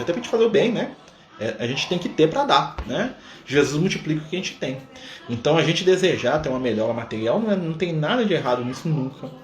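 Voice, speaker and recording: A Brazilian man leads a live-streamed study group in a relaxed, conversational way, ending many phrases with a questioning "né?". His voice sits at a middle pitch, and the recording picks up a noticeable room echo. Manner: conversational, fills pauses with a questioning "né?". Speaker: spiritist study group leader. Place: room at a community center.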